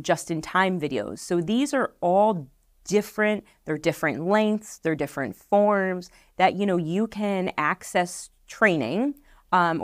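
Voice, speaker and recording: A middle-aged woman with a low, dry voice answers interview questions on a podcast set. She speaks earnestly, circling back with fillers and restarts as she explains. The lapel mic keeps the sound close and dead. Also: no echo. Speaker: marketing director guest.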